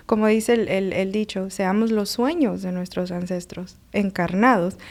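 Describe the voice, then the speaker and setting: A woman's voice: mid-range voice, a little mellow. A woman life coach and mother, speaking earnestly about emotions and child-rearing, telling personal stories in a conversational interview. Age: adult mother. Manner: earnest, uses personal stories and acted-out quotes.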